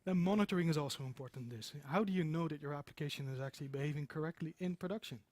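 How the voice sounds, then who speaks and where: Rapid-fire delivery in a slightly high, darkish voice marks this informal conference talk by a middle-aged software developer. He speaks to a seated audience in an indoor meeting room, repeating phrases for emphatic stress, with no echo in the recording.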